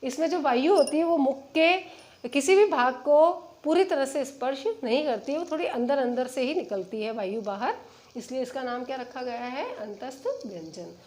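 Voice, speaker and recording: A woman with a high voice teaches a lesson, working through a chart. She names each letter slowly and often puts a question to her students before she gives the answer herself. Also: animated, a little mellow. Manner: says the letters slowly one by one.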